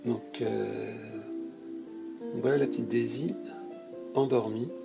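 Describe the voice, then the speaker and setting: Loud music plays under this man's slow, steady, gravelly voice of medium pitch. He is a YouTuber with a cold unboxing toys, and his stuffy descriptions of each one are casual and hesitant, packed with fillers.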